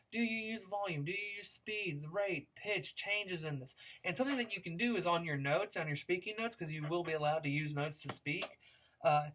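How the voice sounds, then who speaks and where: Speaking conversationally in a recorded lecture, a male speech teacher demonstrates ideas by altering his pace, pitch and volume, often restarting sentences and using fillers.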